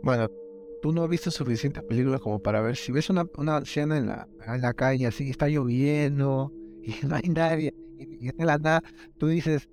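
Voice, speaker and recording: Animated man joking about films. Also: medium pitch, normal speed. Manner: animated, jokey, acts out little quotes. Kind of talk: casual film review chat.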